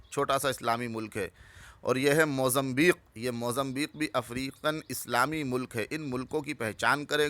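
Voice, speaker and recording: A man's voice: mid-range voice, pushed and bright, dry recording. A man from Pakistan gives an earnest, informal talk, naming items one after another with short comments and urging his listeners. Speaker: religious channel host.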